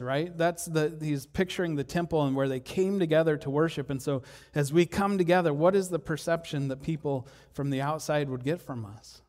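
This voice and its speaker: A man delivers a sermon in a church hall, his slightly raised voice trailing off into a long reverb. He talks in a relaxed, conversational way, asks the congregation questions and doubles back on his words. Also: a little high. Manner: conversational, self-deprecating, frequent restarts and rhetorical questions. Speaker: preacher.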